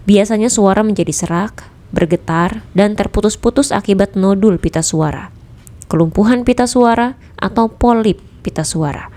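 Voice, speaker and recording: Mellow-voiced woman reading a book. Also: mid-range voice. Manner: even, measured reading of a nonfiction book. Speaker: audiobook narrator. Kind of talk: scripted narration.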